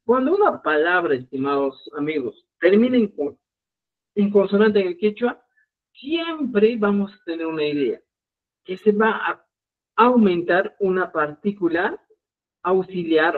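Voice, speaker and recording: A man with a high, animated voice and a slightly slow delivery leads a live Quechua lesson, explaining each step and checking on his students. The stream audio is tinny, like a phone.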